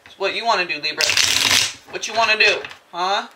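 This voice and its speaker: Her mid-range voice moves briskly as she chats through a tarot reading in a rambling, playful way, frequently breaking into exaggerated asides. The recording is very noisy.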